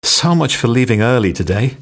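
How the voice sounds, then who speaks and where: Husky man reading everyday phrases. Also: mid-range voice, animated, a little fast. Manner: reads short stand-alone sentences, each with its own acted intonation. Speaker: phrase reader.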